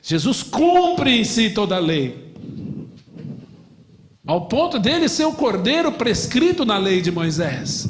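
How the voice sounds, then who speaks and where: A man from Brazil, a middle-aged pastor, teaching a lively Bible class, asking the class questions and joking. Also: high-pitched, slow, long pauses, big-room sound. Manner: animated, asks the class questions and jokes.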